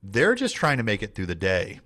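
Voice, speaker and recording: A man's voice: on the low side, huge pitch swings, brisk, pushed and bright. A man talking through a casual training session with lots of fillers and restarts. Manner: rambling, many fillers and restarts. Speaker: team leader and trainer.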